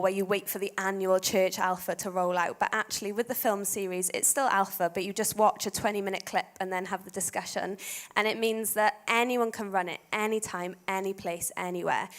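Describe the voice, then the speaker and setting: A young woman, speaking informally and chattily as a guest, with "like" scattered through her talk. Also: mid-range voice. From Swansea, Wales. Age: young adult. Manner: chatty, frequent use of "like". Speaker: church student worker and guest speaker. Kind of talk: informal interview talk to an audience.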